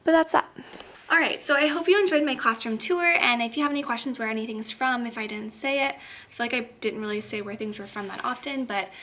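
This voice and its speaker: A woman's voice: a little high, a little fast, sharp tone. A young woman, a teacher, giving a casual, rambling tour of her classroom while walking a camera around. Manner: chatty, rambling, many "like" fillers. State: slightly out of breath. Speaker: teacher and vlogger. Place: classroom, indoors.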